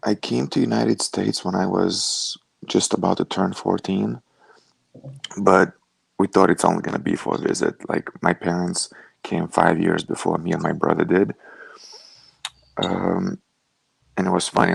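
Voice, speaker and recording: A young man from Lithuania, a fighter telling his story over a video call in a relaxed, rambling way with lots of "like". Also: low voice, measured pace, gravelly, husky, no room sound. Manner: relaxed storytelling, many "like" fillers. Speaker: guest, professional fighter.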